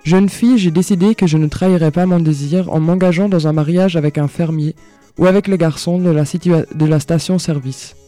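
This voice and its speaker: A man's voice: on the high side, steady tone, a little fast, dark tone, faint music behind, close to an everyday voice. A man reading aloud, giving voice to a passionate woman who speaks in a raised, insistent way. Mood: pleading.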